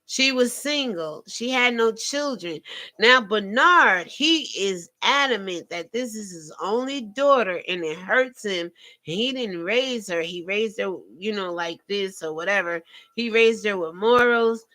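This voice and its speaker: A woman's voice: medium pitch, expressive, a little slow, sharp tone. A woman hosting a live call-in show, giving informal, emphatic commentary and speaking directly to her listeners.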